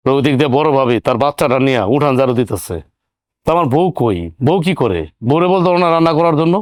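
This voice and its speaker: Man as a hot-headed young son, indignant, smooth and clear, dry close mic. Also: fairly high pitch, quick pace, no room sound, close to an everyday voice. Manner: argumentative, indignant questioning. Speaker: younger brother-in-law. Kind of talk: TV drama acting.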